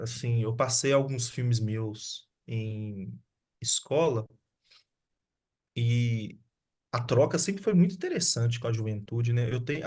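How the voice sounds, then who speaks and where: Man, 30s, middle pitch, casual slangy talk, video call, frequent restarts. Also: darkish tone. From Sabará, Brazil. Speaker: guest filmmaker. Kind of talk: casual online conversation.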